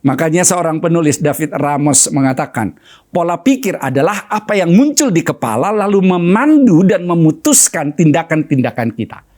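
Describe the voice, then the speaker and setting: Animated preaching man, lively pitch. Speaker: pastor. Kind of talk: sermon.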